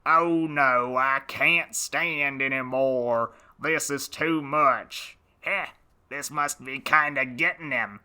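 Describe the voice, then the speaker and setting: A man's voice: medium pitch, bright, forceful tone, clean tone. A man voicing a whiny pet parrot. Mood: pleading. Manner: whiny, pleading, slow and drawn out. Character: sulky talking pet parrot, male, wheedling. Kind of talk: storybook record acting.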